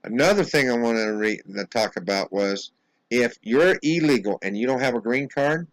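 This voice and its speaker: An American man speaking a home video monologue in an indignant, insistent way, halting often and repeating words as he restarts his sentences. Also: mid-range voice, no echo, rough recording. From United States. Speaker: vlogger. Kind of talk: angry monologue to camera.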